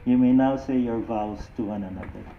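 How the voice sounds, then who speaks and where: A man officiating a wedding, putting formal vow questions in deliberate phrases. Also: mid-range voice. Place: wedding ceremony, over a sound system. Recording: echoey, thin phone-like sound, faint noise.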